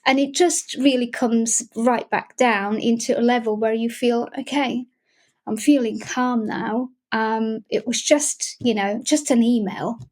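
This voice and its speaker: A young adult woman with a Slovak accent talks in a relaxed interview. She pauses and restarts often, searching for words. Her voice sits a bit high. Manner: hesitant, many restarts and fillers. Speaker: guest, emotional wellbeing facilitator. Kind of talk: casual interview talk.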